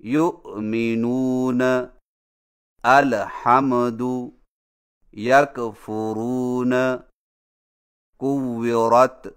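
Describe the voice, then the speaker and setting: A man gives a recitation lesson in a smooth, resonant voice of ordinary pitch. He explains each rule calmly and steadily. Then he chants the example words slowly, stretching each one out. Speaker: Quran recitation teacher.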